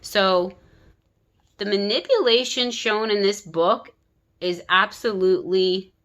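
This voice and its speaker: A woman's voice: medium pitch, takes it slowly, fairly bright tone, muffled recording. A woman, a parent, giving a frank, opinionated casual commentary on a children's book, full of "like" and "you know.".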